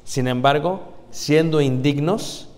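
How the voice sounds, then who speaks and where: A man preaching a sermon to a congregation, often pausing on rhetorical questions he answers himself. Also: fairly high pitch, darkish tone. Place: church congregation. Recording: long church hall reverb.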